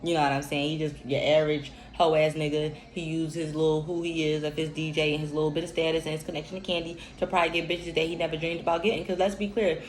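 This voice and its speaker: A woman's voice: low voice, level tone, fast talker, few pauses. A woman, giving an unscripted, profane, emphatic reality-TV recap rant. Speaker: recap commentator. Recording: echoey room with faint hiss.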